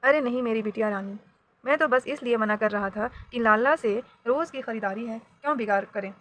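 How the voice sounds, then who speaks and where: A woman reading a stern, loud father. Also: fairly high pitch, fairly quick, close to an everyday voice. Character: stern, protective middle-aged father.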